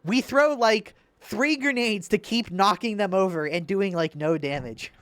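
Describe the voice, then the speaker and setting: A man's voice: high voice, measured pace, a bit bright. A young man giving casual, sarcastic commentary while reviewing gameplay, exasperated and swearing.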